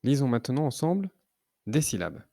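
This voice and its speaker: A man teaching children to read, sounding out syllables slowly and clearly. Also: medium pitch, sing-song, dark tone, no echo, studio quality. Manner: slow, clearly articulated syllables. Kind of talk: reading lesson for children.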